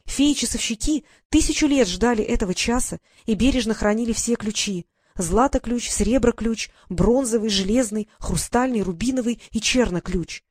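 A woman's voice: on the high side, moderate pace, a little mellow, slightly rough, dry recording, studio quality, pitched above the performer's own voice. A woman voicing a tiny, haughty female fairy courtier who lectures and gets irritated easily. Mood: irritated lecturing. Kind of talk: audiobook character voice.

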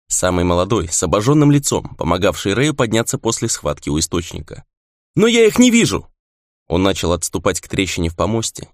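A man reading a fantasy novel aloud in a lively narration style. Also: on the low side, no echo, studio quality. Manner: lively reading, raises voice for shouted lines. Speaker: audiobook narrator. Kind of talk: scripted narration.

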